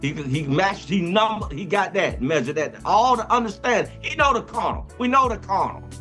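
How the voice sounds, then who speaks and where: Brief: male Bible study teacher, emphatic and repetitive, lively swinging pitch, faint music underneath. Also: moderate pace. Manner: emphatic, repetitive, tells others to read on.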